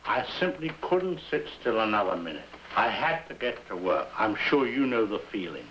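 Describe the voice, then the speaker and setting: Heard as if through a 1950s television broadcast with a faint hiss and hum, this man speaks at an ordinary pace in a fairly low pitch. He's a TV host reading scripted introductions with a wry, deadpan, formally droll touch.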